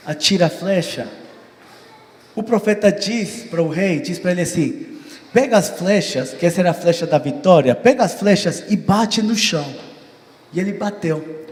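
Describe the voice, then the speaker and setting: A man from Brazil preaches a sermon in a fairly high voice. His long hall echo hangs around every phrase. He is animated and acts out dialogue in his stories. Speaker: pastor. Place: church hall. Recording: long church hall reverb.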